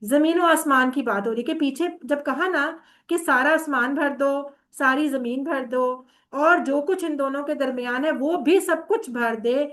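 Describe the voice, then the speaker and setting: A woman teacher gives a patient online lesson on Arabic grammar. Her voice sits high, and she speaks. She keeps asking her students whether they are following and slips English words into her explanations. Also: a bit bright. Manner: patient, often checks understanding with "theek hai?".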